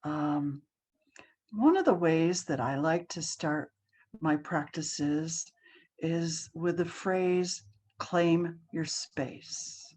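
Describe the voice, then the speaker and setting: Woman meditation guide, low pitch, unhurried calm delivery. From Hawaii. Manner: slow, soft and soothing, with frequent ums. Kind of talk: guided relaxation class.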